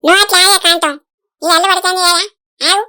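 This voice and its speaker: A woman's voice: extremely high pitch, steady tone, fast talker, pushed and bright, no room sound, studio quality. A woman voicing a bossy, boastful village diviner in a cartoon, speaking with a Telangana Telugu accent.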